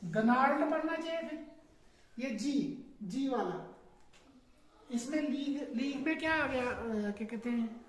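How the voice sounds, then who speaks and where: High-voiced woman teaching in an echoey room. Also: lively intonation, takes it slowly, pauses often, recorded from a distance. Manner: spells words letter by letter and quizzes with repeated questions. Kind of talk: classroom lesson on spelling.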